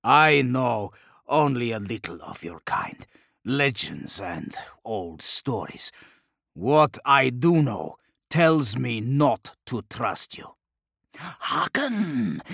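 A man reading an audiobook voices an ancient male demon who possesses a knight, speaking in slow, hissing, whispered threats with a gravelly, breathy sound. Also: medium pitch, a bit bright, no room sound, studio quality, full character voice. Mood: menacing. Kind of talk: audiobook character voice.

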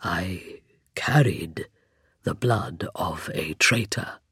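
Rasping hollow skeleton knight, very deep, slow, breathy, husky, storybook villain-turned-servant. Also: bright, forceful tone, dry recording, studio quality, full character voice. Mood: grave devotion. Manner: slow, grave, breathy whispering delivery. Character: undead skeletal knight, male, solemn and devoted. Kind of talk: audiobook character voice.

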